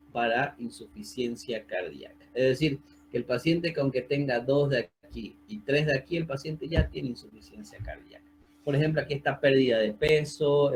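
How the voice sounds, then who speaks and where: A man's voice: mid-range voice, a little mellow, rough recording. A man giving an online medical lecture over a video call, explaining step by step and often checking in with his students. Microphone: computer mic on a video call.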